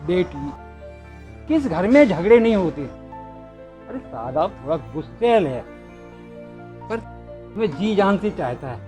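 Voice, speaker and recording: A man's voice: sits high, very animated, slow pace, long pauses, warm tone, faint music behind, heavily acted. An actor playing an older relative who persuades a young woman to accept her partner's temper. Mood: persuading. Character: older relative excusing an abuser.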